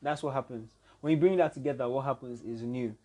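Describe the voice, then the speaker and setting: A man's voice: mid-range voice, fast talker, dark tone. A man, a podcast guest who talks emphatically and keeps checking that his listener follows. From Nigeria. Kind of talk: casual podcast discussion.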